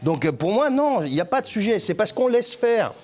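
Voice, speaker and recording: A man from Lebanon argues on a talk-show panel, blunt and emphatic, with a loose colloquial manner. His voice sits a little higher than most men's. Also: sing-song, fairly quick. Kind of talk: studio talk-show debate.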